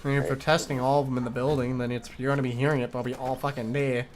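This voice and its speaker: A streamer with a Midwestern American accent rambles through casual gameplay commentary, swearing freely and talking to himself as he plays. His mid-range voice stays level and rapid-fire, with a little hiss or hum underneath.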